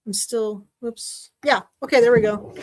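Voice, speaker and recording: A woman's voice: a little high, a little slow. Chatty woman hosting a sewing livestream. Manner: chatty, rambling, with fillers and restarts. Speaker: sewing class host. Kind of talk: casual livestream chat. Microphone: desk mic while streaming.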